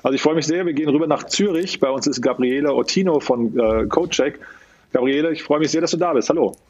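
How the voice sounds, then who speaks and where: A man hosts a casual podcast interview, talking quickly with a husky edge. His voice sounds dull and tinny, like a low-quality backup recording made inside a tin can. He asks friendly questions with plenty of quick fillers. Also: darkish tone, soft background music. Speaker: podcast host.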